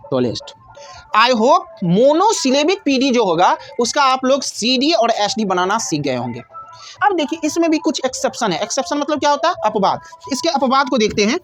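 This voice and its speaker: A woman teaching a grammar lesson, who asks questions and answers them herself and repeats key words slowly. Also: sits high.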